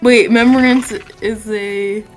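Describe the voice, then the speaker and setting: A woman's voice: mid-range voice, fairly even intonation, slow, soft background music, rough recording. A woman chatting casually while playing a game, teasing and giggly. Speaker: co-player. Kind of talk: casual gameplay banter.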